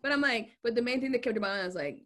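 A woman's voice: a little high, lively intonation, racing. A woman chatting casually about a TV series, blunt and profane, laughing often.

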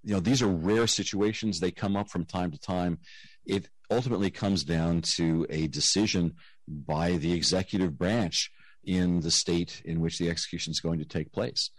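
Man, deep low voice, dry sound, low-quality video call audio, measured explanations. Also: no echo. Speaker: interview guest, nonprofit director. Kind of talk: remote interview answers.

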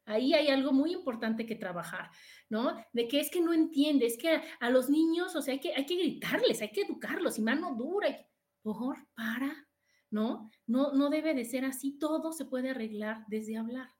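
A woman's voice: high-pitched, animated, normal speed, a little mellow. A middle-aged Mexican woman hosting a podcast, giving chatty, casual advice to her live listeners and often checking in with "¿no?". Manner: chatty, tags "¿no?" after points. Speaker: podcast host.

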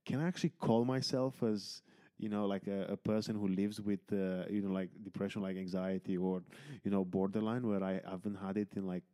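Low, mellow-voiced man, halting and candid. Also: little pitch movement. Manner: rambling, halting, many fillers and restarts; candid, swears casually. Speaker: podcast host. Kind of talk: casual conversation.

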